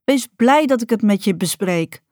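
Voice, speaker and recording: A woman voicing a firm, sharp-toned mother. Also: on the high side, lively intonation, normal speed, no room sound, studio quality, voice pushed up, natural voice. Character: stern mother, adult woman, architect.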